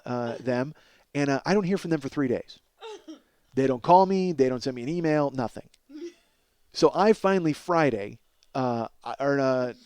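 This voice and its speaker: A man in his forties hosts a comedy podcast, telling a rambling, self-deprecating story laced with profanity. He acts out both sides of the conversations. His voice is medium-pitched with a darkish tone, and there is no echo.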